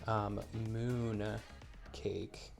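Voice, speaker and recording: Over loud background music, a man with a fairly low, steady voice draws out his words with some vocal fry. He's getting over a cold and sounds stuffy and a little wheezy, yet he cheerfully walks through a hands-on product demo as its maker. Upbeat and casual, he explains each step as he works.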